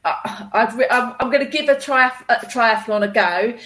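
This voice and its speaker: A woman with a fairly high voice. She answers casually in a quick-fire chat, in a chirpy way that easily tips into laughter. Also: a bit bright, rough recording. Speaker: podcast guest, amateur runner.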